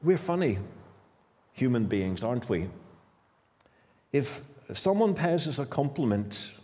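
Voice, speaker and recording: A mellow, mid-range voice with a sing-song lilt and measured pace belongs to this Northern Irish man in his fifties. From a lectern in a church hall he preaches emphatically, repeating lines and suddenly speeding up. Lectern stand mics and a distant camera carry the sound.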